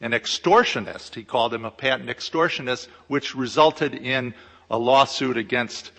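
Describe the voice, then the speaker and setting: A man gives a conference talk as a law lecturer, explaining carefully and stopping often to search for words. His voice sits at an ordinary middle pitch. The sound carries the long, echoing reverb of a large hall. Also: sharp tone. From United States. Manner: hesitant, explanatory, with frequent pauses. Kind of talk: conference presentation.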